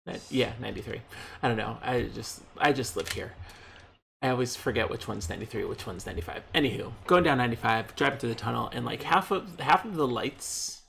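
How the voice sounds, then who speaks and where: A man's voice: medium pitch, fairly quick, vocal fry, a bit bright, slight background noise. A man co-hosting a podcast, chatting casually in a rambling, playful way. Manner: rambling, playful, jokes with mock accents. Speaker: podcast co-host. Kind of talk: casual chat. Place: lives in the Boston area.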